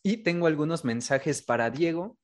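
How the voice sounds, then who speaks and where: A man's voice: a little high, lively intonation, normal speed. A man with a Mexican accent co-hosting a casual chat, thanking supporters and teasing with frequent laughs. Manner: laughs often, playful teasing. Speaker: podcast co-host.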